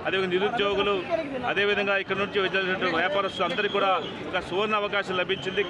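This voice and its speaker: A man with a Telugu accent talks to the press outdoors at a station in a quick, flat voice, restarting his phrases. Loud music is laid over the recording, with street sounds around. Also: sits high. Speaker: public official at a train launch. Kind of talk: speaking to reporters.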